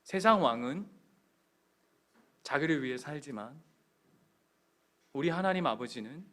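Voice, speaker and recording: High-voiced Korean pastor preaching animatedly. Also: male voice, a little slow. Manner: animated, acts out quoted voices, swings from loud to soft. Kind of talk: sermon.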